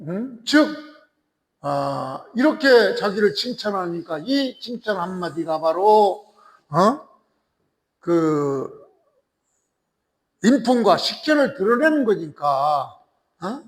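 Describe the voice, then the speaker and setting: Slow high-voiced male lecturer in an echoey hall. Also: very animated. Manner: checks in with listeners using frequent tag questions; slow and deliberate, repeating and restarting phrases. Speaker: lecturer on classical texts. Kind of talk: lecture explaining a classical text.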